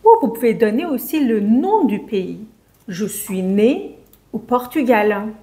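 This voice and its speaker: Slow, careful woman teaching French. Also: fairly high pitch, expressive, dark tone. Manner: says example sentences slowly and carefully. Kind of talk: slow, clear language lesson for beginners.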